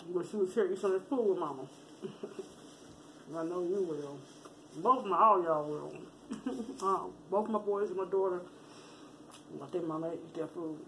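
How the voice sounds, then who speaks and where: A middle-aged woman talks while chewing food, in a relaxed, drawling way, speaking to viewers like family. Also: on the low side, measured pace, long pauses, rough recording. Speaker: mukbang vlogger. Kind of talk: casual eating-show chat. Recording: home audio with clear background noise.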